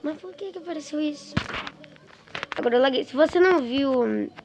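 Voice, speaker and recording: Girl gaming on facecam, keeps getting mad, bit high pitched, lots of background noise and clicking. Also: fairly quick. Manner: excitable, exasperated, chatty with viewers. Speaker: gaming streamer. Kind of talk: casual gameplay commentary. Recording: noisy with clicks.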